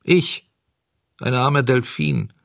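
A man voicing a calm, philosophical male dolphin with a hoarse voice. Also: medium pitch, slow, dry recording, clean studio sound, voice pushed up, exaggerated voice. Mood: resigned.

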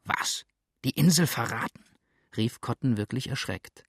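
A man's voice: mid-range voice, measured pace, breathy edge, dry recording, clean studio sound. A man voicing a nervy fugitive in an audiobook, tense and brooding. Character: scheming, nervy adult male fugitive. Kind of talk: audiobook reading.

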